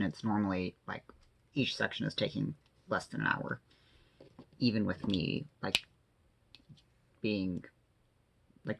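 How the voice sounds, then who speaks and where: While working on a craft, a man hosting a diamond painting vlog chats in a casual, informal way, rambling a bit and correcting himself as he goes. His voice is lowish and sharp-toned, with vocal fry.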